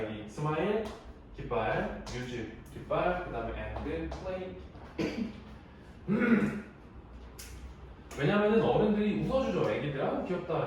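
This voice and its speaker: Young male teacher, casual and chatty, animated delivery, distant mic, very echoey room. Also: fairly high pitch, slight background noise. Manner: chatty storytelling, lively, laughs often. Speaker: high school English teacher. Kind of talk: casual classroom lecture.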